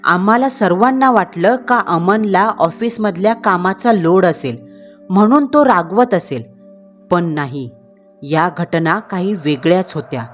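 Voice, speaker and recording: A woman voicing a gentle, loving wife and mother who asks softly and affectionately, with faint music behind. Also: fairly low pitch, animated, unhurried. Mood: tender. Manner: soft, affectionate asking.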